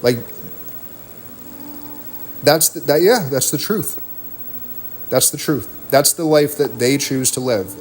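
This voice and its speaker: Brief: male streamer, mid-pitched voice, angry profane rant, faint room noise behind. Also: takes it slowly, pauses often. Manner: heated, profane, rambling rant. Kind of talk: ranting stream talk.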